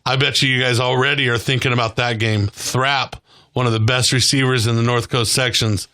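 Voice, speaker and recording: A man's voice: medium pitch, steady tone, fairly quick, bright, forceful tone. A man hosting a local sports talk show, commenting on football and interviewing players.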